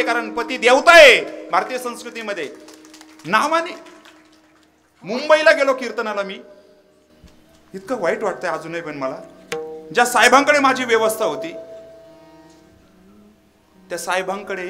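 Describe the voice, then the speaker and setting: A man preaching a devotional kirtan to a live audience, quizzing them for quick answers and mixing scripture with humorous anecdotes. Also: high-pitched, pushed and bright. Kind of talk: devotional kirtan sermon with audience call-and-response.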